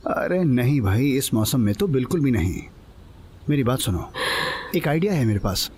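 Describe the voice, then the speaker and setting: A man's voice: mid-range voice, very animated, moderate pace, a little mellow, a little hiss or hum, lightly acted. A man voicing a suave flirtatious charmer. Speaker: dubbing actor. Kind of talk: Urdu dub of a TV drama.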